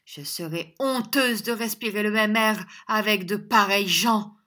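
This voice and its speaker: A woman's voice: fairly high pitch, animated, takes it slowly, a bit bright, voice pushed up, exaggerated voice. A woman voicing a haughty, melodramatic young woman who speaks with scorn in a storybook reading. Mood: scornful. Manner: scornful and theatrical.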